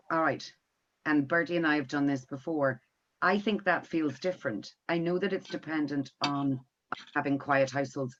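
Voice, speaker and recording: A middle-aged woman, a music tutor talking casually on a video call with lively joking asides. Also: extremely low pitch. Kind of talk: casual online webinar talk. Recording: dull lo-fi audio.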